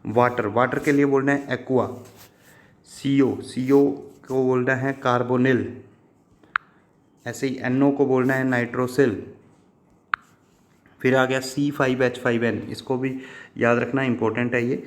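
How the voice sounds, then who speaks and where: A man's voice: medium pitch, little pitch movement, unhurried, long pauses. A man teaching chemistry in a patient, repetitive way, asking questions and answering them himself and addressing his students fondly as children. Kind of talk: classroom lesson explanation.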